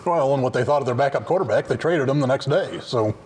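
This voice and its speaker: A man on a sports talk panel, making short, dry remarks with halting starts. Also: mid-range voice, darkish tone, a little hiss or hum. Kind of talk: casual sports chat.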